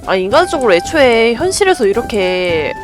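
A woman giving let's play commentary on a tense game, alternating yelps with hushed self-soothing mutters. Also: fairly high pitch, sing-song, normal speed, music in the background. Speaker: gaming YouTuber.

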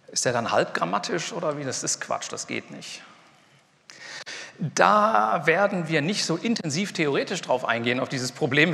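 A middle-aged man lectures at a university in a loose, conversational way, full of fillers and quick asides. His voice sits at an ordinary middle pitch. It carries a long reverb from the lecture hall around him. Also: creaky, sharp tone. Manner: casual, chatty lecturing with many fillers and asides.

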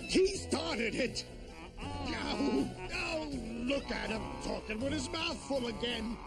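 A man's voice: very high-pitched, animated, takes it slowly, over loud music, heavily acted. A man voicing a bumbling, whiny middle-aged dinosaur husband in a TV sitcom.

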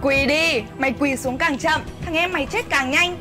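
A woman's voice: sits high, normal speed, natural voice. A woman acting a scornful, arrogant young wife who betrays her husband, in a web skit drama. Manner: sneering, arrogant. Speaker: actor. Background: background music.

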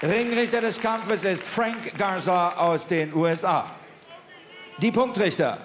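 Casting: male boxing ring announcer, high projected voice, formal and drawn-out delivery, echoey arena PA. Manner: booming, ceremonious, projecting to the arena. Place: large indoor boxing arena. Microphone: announcer microphone over arena PA. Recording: echoey arena PA with loud crowd noise.

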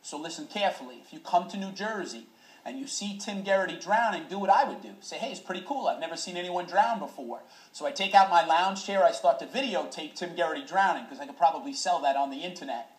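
A man, a law teacher, telling a humorous classroom story in a deadpan, joking way. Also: fairly high pitch, quick pace. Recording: echoey room.

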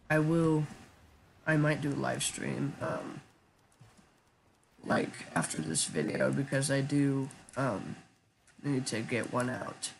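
A man giving casual live commentary while he plays a shooter game, talking in a flat, chatty way with lots of ums. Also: medium pitch, slow pace, vocal fry, pauses often, background noise. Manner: self-described monotone, chatty, with frequent ums. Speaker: gaming YouTuber.

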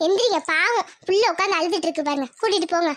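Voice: very high-pitched, a bit bright. A performer voicing an outspoken village neighbor woman who urges the father home, in a cartoon. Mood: persuasive. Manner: brisk, persuasive.

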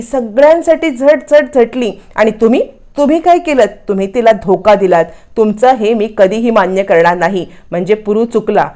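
A woman's voice: a little high, darkish tone, natural voice. Woman reading an angry, reproachful mother. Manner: reproachful, repeating her points. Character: angry middle-aged mother scolding her son-in-law.

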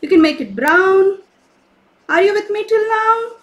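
Hosting a live online craft session for kids, this woman speaks in an extremely high, lively voice at an unhurried pace, with the highs cut off. She's cheerful and coaxing, checking in with the children through lots of questions.

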